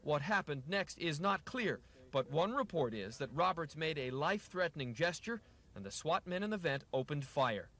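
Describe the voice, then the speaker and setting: An American man reading scripted television news narration as a reporter, in a measured, formal broadcast delivery. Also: a little high, big pitch swings, a bit bright. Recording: noisy 1980s TV news tape, street noise.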